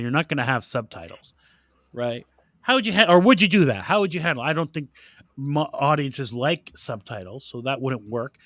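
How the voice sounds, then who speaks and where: Animated guy riffing about movies, bright voice, dry close sound. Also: a little high, no echo. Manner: animated, joking, puts on silly accents. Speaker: podcast co-host. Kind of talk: casual chat about films.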